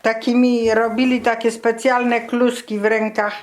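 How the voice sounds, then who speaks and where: A woman's voice: fairly high pitch, flat delivery, a little slow. An elderly woman reminiscing casually as a grandmother, explaining things in a colloquial, matter-of-fact way. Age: 70s or older. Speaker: grandmother being interviewed.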